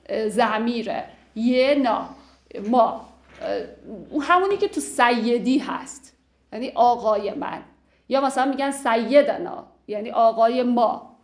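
A woman teaching classical poetry, explaining the lines in a chatty way and reciting the verses slowly and with care. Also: a little high. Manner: slow, measured recitation of verse, lively conversational explanation.

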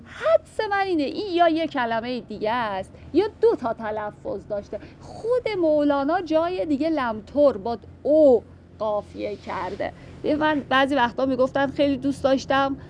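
A woman's voice: sits high, expressive, a little mellow, a little hiss or hum. A woman teaching classical poetry, reading verses aloud and thinking them through as she explains. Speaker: literature teacher.

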